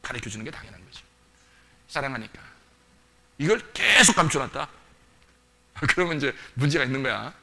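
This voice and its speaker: A male pastor preaching a sermon, animated, asking the congregation questions and acting out quoted voices. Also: medium pitch, brisk, gravelly, pauses often.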